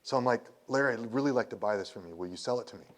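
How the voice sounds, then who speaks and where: A man in his fifties giving a conference talk, telling a personal story in a rambling way with restarts, and emotional at times. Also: mid-range voice. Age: 50s. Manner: rambling, with restarts and quoted dialogue. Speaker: conference speaker. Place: presentation hall.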